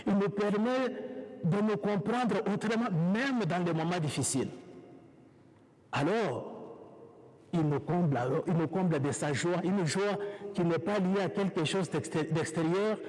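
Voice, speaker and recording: A priest with an African French accent preaches a sermon, his fairly high voice moving at a slow, unhurried pace. He builds his phrases step by step, pausing and restarting as he goes. His words ring out in a church with a long, lingering echo. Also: darkish tone. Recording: reverberant church hall.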